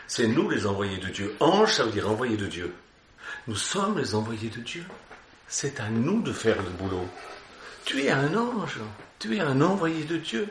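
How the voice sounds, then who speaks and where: A man's voice: mid-range voice, a bit bright, a little hiss or hum. A man preaching an Easter sermon, exhorting his listeners and breaking into joking asides. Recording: roomy hall echo.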